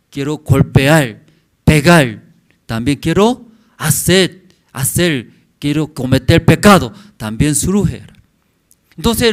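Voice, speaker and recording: A male pastor in his forties preaches to his church congregation at a deliberate, slow pace. His pitch swings widely as he builds his points in brief, simple phrases. He often pauses to ask the listeners a quick "mm?". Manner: halting simple phrasing with frequent questioning "mm?" tags to the congregation. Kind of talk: sermon.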